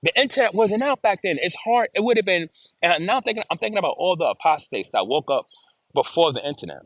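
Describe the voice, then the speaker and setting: A man's voice: sits high, big pitch swings, quick pace, a bit bright, no room sound. A man talking as an interview guest in casual chat, earnest and given to repeating and restarting his phrases. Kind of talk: casual video-call chat.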